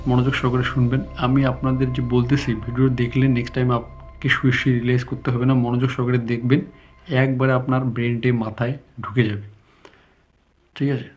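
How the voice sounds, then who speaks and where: Slow, steady Bengali teacher. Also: male voice, mid-range voice. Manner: slow, deliberate explaining with frequent checks; unscripted, stumbling at times. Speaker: English teacher. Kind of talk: spoken English lesson. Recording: slightly dull sound, faint background music.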